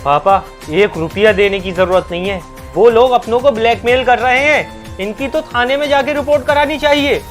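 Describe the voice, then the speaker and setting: An actor playing a young husband, irritated and agitated at being blackmailed, over background music. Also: male voice, extremely high pitch, normal speed. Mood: alarmed. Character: young husband caught in a dowry blackmail, man. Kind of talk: web-series family drama acting.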